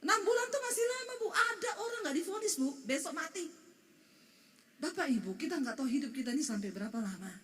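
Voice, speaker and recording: High-voiced woman preaching in a hall. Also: quick pace, slight background noise. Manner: animated, shifts into quoted voices and crying tones. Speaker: pastor. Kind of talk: sermon. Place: church hall. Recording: long hall reverb.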